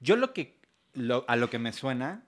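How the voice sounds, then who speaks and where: A man's voice: medium pitch, a little slow. Playful male host. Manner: playful, lively, laughing easily. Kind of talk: casual chat.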